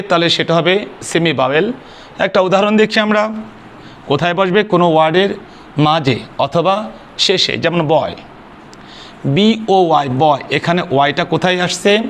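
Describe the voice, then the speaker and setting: A man's voice: fairly high pitch, fairly bright tone. A man gives an English grammar lesson in a somewhat raised voice, asking questions and answering them himself. He spells words out letter by letter and slips English phrases into his explanations. A faint noise sits under the recording. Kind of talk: spoken classroom lesson.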